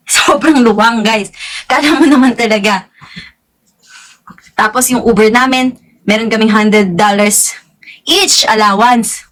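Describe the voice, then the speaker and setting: A young woman vlogger telling a story in casual chat, animated and gushing, with drawn-out exclamations and giggles. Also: on the high side.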